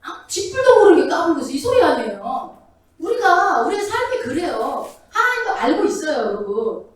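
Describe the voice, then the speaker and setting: A woman pastor preaching a lively sermon, now and then acting out the voices of biblical figures as she tells their stories. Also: very high voice, normal speed. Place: church sanctuary. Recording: echoey church hall, mic at a distance.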